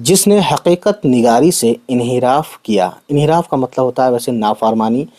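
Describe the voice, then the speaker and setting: A man from India teaches an Urdu literature lesson in a mellow, relaxed voice. He takes each difficult word apart with plainer synonyms and English equivalents. He keeps checking in with the class through quick tag questions. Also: mid-range voice. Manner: explains each hard word with simple synonyms and English terms, often adds tag questions.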